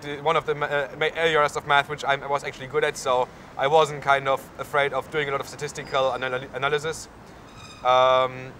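Faint traffic and street sounds surround a young university student with a German accent as he responds to interview questions in a town square, filling his answers with fillers and gesturing while speaking. His voice is medium-pitched and a bit bright.

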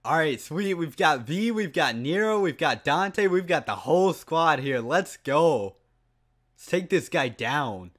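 A young man hosting a game walkthrough, jokey and excitable. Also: a little high, unhurried. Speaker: gaming youtuber.

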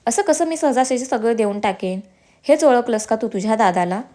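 A woman's voice: fairly high pitch, lively intonation, a little fast, mellow, lightly acted. A woman voicing a teasing, affectionate young man who plays the dramatic elder brother in a storybook reading.

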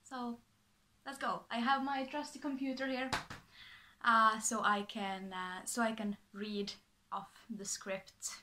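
Against a noisy background, a young woman speaks slowly in a fairly high voice with little pitch movement. She's a vlogger from Finland, a native Swedish speaker with a Finland Swedish accent, reading a script to camera in her small bedroom in a bubbly way, with plenty of fillers and restarts.

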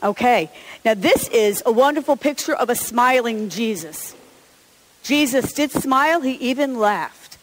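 A woman's voice: fairly high pitch, lively intonation, unhurried. Woman pastor, Easter sermon, encouraging and chatty, long reverb from a large sanctuary. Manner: chatty and encouraging, often chuckling. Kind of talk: Easter sermon and children's message.

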